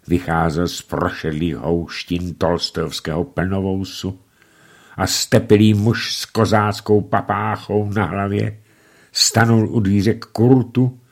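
Low-voiced man reading a comic tale. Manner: expressive, playful, ironic reading. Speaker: audiobook narrator. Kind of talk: humorous storybook narration.

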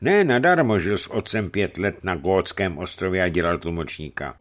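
A man reading a story and voicing a hot-tempered but jovial traveller who talks in a lively, emphatic way. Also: low-pitched. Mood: earnest, apologetic.

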